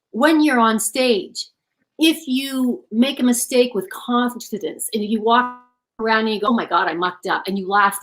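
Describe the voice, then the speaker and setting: Earnest woman with a higher voice. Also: a bit bright, low-quality recording. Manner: earnest, reflective storytelling. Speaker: author and guest. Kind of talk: interview conversation.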